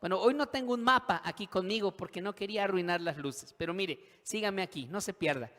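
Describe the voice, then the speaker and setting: A man's voice: sits high, brisk, sharp tone. Dramatic preaching man in a reverberant hall. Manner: dramatic preaching with acted inner voices and call-and-response. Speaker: pastor. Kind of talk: sermon. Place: church hall.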